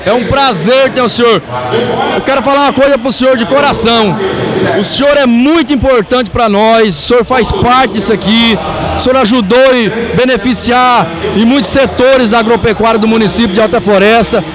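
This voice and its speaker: A man's voice: very high-pitched, a little fast, poor audio. A man in his thirties with a Brazilian Portuguese accent, interviewing on location as a reporter, effusive and projecting into a handheld microphone. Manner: effusive, projecting over the crowd. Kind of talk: on-location interview, enthusiastic informal address. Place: large busy open-sided event hall. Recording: loud crowd behind the voice.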